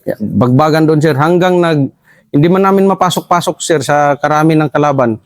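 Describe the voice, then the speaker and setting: A man recounting a firefight as a soldier in an interview, halting often and calling his listener "sir". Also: on the high side, dry recording. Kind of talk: first-person war story interview.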